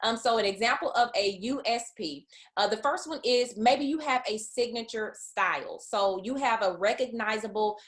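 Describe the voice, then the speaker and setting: A woman with a Southern US accent, a business coach teaching an online class in a conversational way, often restarting her sentences. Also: fairly high pitch. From American South. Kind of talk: webinar teaching.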